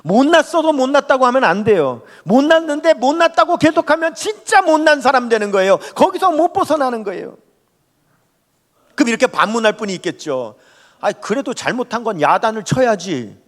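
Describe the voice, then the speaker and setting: A man's voice: very high-pitched, brisk. A man preaching a Sunday sermon as pastor, talking straight to the congregation and asking it questions. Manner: animated, rising and falling, speaks to the congregation directly. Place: church sanctuary. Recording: long hall reverb.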